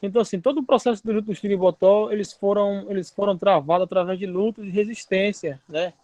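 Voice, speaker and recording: A man from Alagoas, speaking as a seminar guest over a video call, measured and hesitant, with tag questions. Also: sits high, fairly even intonation, mellow, no room sound. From Alagoas, Brazil. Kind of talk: online seminar talk.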